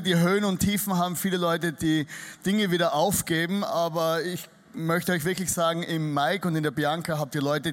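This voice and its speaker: A middle-aged man from Styria with an Austrian German accent, preaching a sermon to a congregation in a chatty, joking way. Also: fairly high pitch. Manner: chatty, joking, self-deprecating. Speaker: pastor. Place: church hall before a congregation.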